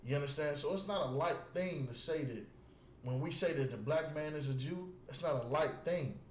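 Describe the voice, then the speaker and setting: A man's voice: a little high, moderate pace. A man preaching to a group, repeating his words for emphasis and often asking whether they understand. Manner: keeps asking "You understand?" after nearly every point; emphatic, repeats words while building a point. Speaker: religious teacher. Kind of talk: street preaching with call and response. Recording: echoey space with faint background noise.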